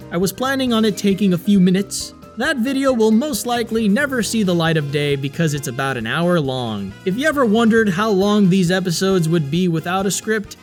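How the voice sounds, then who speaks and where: A man delivering a scripted video game review in an opinionated, sarcastic way, with the odd swear. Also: high voice.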